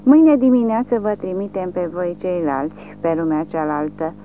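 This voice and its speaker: A woman voicing a young, sadistic male military police lieutenant who barks cruel orders and sneering taunts in a shrill, childish screech. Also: soft background music, close to an everyday voice. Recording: tinny lo-fi with faint hum.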